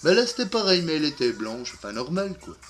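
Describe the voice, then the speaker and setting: A man puts on a lonely, crude drinker who brags and rambles through a comic monologue. His voice is bright and edgy, packed with fillers, and it keeps sinking into mumbles at the ends of his phrases. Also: on the high side, sing-song, fast talker, soft background music. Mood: rambling.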